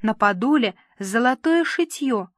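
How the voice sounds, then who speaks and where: A woman's voice: fairly high pitch, expressive, measured pace, dry recording, clean studio sound. A woman reading aloud, voicing a dreamy, pouting young pregnant bride.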